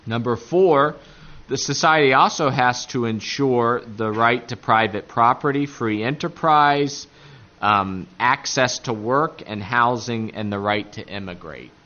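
A man with an Appalachian accent giving a religious lecture point by point, haltingly searching for words. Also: mid-range voice, bright, forceful tone, highs cut off. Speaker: catechism teacher.

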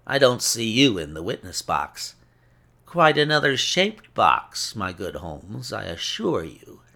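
Playing the cruel gentleman villain of a classic detective tale, a male reader speaks slowly in a rough, creaky voice, acting heavily with big theatrical pitch swings. Cold contempt runs under his mock-polite gloating, and he smugly relishes each taunt.

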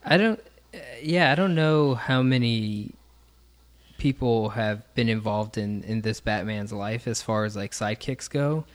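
A man's voice: on the low side, a little slow. A man co-hosting a podcast in casual chat, rambling with many fillers and restarts. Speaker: podcast co-host.

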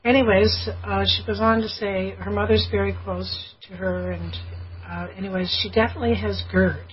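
A woman's voice: medium pitch, steady tone, moderate pace, dull audio, slight background noise. A woman in her forties co-hosting a show, reading listener letters aloud in a chatty way with many fillers. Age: 40s. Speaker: co-host reading listener questions. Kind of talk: casual on-air chat.

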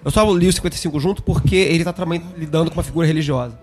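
A man hosts a relaxed discussion, thinking aloud and circling back over his points. His voice sits a bit high. Soft music plays faintly underneath. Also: very fast. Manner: thinking aloud, repeats himself, conversational. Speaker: podcast host. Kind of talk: casual discussion of an esoteric text.

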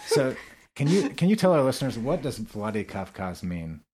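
A man's voice: mid-range voice, very animated, normal speed, a little mellow. A man hosting a casual podcast interview in a chatty, encouraging way. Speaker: podcast host.

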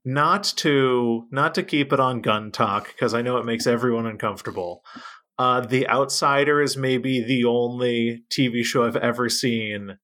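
Male co-host, deadpan humor, bright forceful tone. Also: mid-range voice, a little slow. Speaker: podcast co-host. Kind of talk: casual comedic chat.

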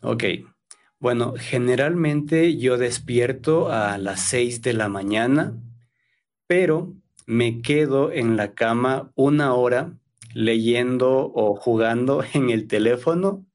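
A man in his thirties from Ecuador, a Spanish teacher speaking slowly and carefully as a guest in a conversation for learners, soft-spoken with small fillers. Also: mid-range voice. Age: 30s.

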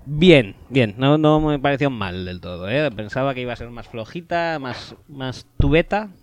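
A man's voice: mid-range voice, lively intonation, normal speed. A man co-hosting a podcast, joking, swearing freely and mocking listener comments. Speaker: podcast co-host. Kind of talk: casual podcast banter.

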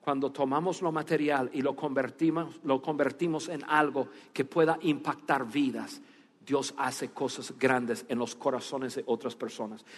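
A man preaching a sermon, telling a story with animation and then speaking in a hushed, earnest tone. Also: medium pitch, steady tone, normal speed. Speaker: pastor. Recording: long reverb of a church hall.

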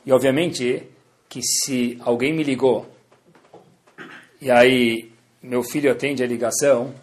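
A rabbi teaching a Torah lesson with stories, lively, swinging between loud emphasis and soft asides, and acting out the dialogue. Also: male voice, medium pitch, slow pace. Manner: acts out dialogue in his stories.

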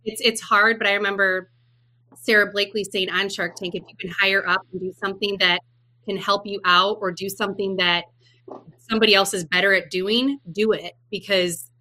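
Bright-toned woman chatting on a video call. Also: mid-range voice, steady tone, normal speed. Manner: frank, rambling, self-correcting. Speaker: entrepreneur guest. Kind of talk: casual panel chat.

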